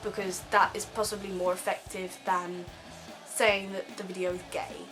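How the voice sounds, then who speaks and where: A woman's voice: mid-range voice, little pitch movement, moderate pace, music in the background, poor audio. A teenage girl ranting casually in a vlog from her bed, rambling with lots of ums. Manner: rambling, filler-heavy, frequent ums. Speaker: vlogger.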